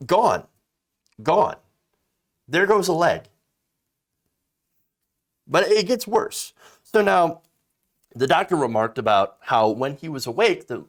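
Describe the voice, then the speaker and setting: Pitched in the middle range, a man in his thirties reads out a political story and reacts with emphatic commentary, often restarting and filling gaps with fillers.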